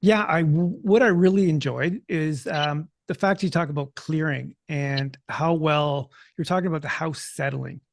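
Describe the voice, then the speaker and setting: A man hosting a podcast interview, asking long winding questions with quick restarts. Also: on the high side, no room sound, studio quality. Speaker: podcast host. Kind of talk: casual interview chat.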